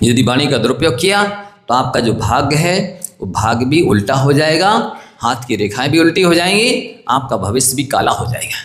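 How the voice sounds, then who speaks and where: A man's voice: mid-range voice, expressive, moderate pace, a bit bright. A man, a Jain monk, giving a sermon in an earnest, coaxing way and putting questions to his listeners. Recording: echoey hall.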